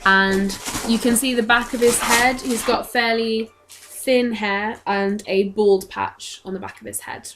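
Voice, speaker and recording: Woman game master with a slightly high voice, describes scenes slowly and deliberately. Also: steady tone, noisy background. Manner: slow, descriptive, searching for words. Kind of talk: narrating a tabletop game.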